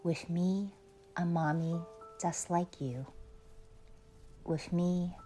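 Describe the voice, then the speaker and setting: Faint music plays behind a woman leading a guided meditation. Her lowish voice holds a steady tone, gentle and unhurried, with long silences and phrases that drift off breathily.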